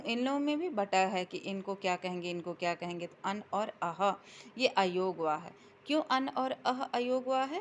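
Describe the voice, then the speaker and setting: A woman's voice: mid-range voice, slight background noise. A woman teacher explaining a lesson to students, drawing out the example words and answering her own questions. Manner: slow and drawn out when reading letter examples, asks questions and answers them herself. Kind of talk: classroom explanation.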